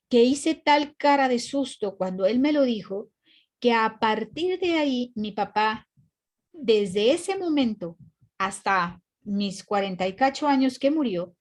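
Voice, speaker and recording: A woman's voice: fairly high pitch, darkish tone. A woman, a Buddhist teacher telling a personal story in an earnest, casual way. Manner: storytelling, earnest, restarts often. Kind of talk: casual dharma talk.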